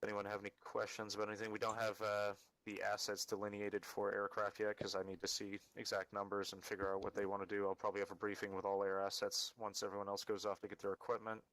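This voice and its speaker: A man leading a military-style game mission briefing, matter-of-fact and directing, with halting delivery. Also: lowish voice, monotone, a bit bright, no echo, poor audio. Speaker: mission leader briefing a team.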